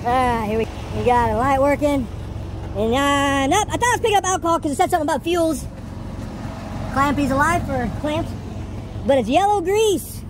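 Talking at a moderate pace in a very high voice, a trucker in his forties narrates a casual vlog while inspecting his rig. He starts outside in a truck yard with vehicle noise around, then moves into the cab.

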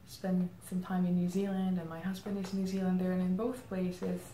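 Appearing as a guest, a Czech woman who heads marketing gives reflective, thoughtful answers broken by many "um"s. Her lowish voice is dark in tone, with a flat delivery. The indoor room has a plain grey backdrop, and the sound carries a roomy echo and faint ambient noise.

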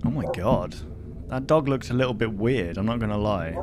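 In a small room at home, a man in his twenties hosts a reaction video, offering laid-back, casual commentary and reading on-screen text aloud. His voice is fairly low and moderately paced, with clear background noise in the recording.

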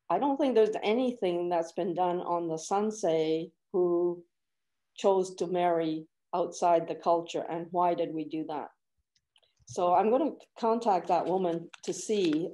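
An older woman speaking on a video call in a measured, searching way, from a small room at home. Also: fairly low pitch, mellow, rough recording. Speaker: co-author and illustrator. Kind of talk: reflective talk on a video call. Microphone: video call webcam.

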